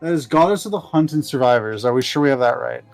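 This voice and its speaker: A man's voice: medium pitch, fast, creaky, a little mellow, no echo, soft background music. A man playing a tabletop game, thinking aloud and trailing off in casual talk. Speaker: player.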